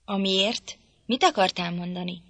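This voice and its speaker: A woman voicing a proud, irritable young lady in an audiobook, speaking in a sharp, commanding, petulant way. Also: mid-range voice, no echo. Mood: irritated. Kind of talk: audiobook reading.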